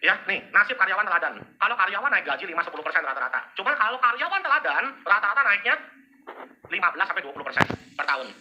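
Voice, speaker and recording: A man giving a motivational business seminar to a live audience, joking and teasing the crowd with quick asides. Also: high voice, very animated, muffled recording, a little hiss or hum.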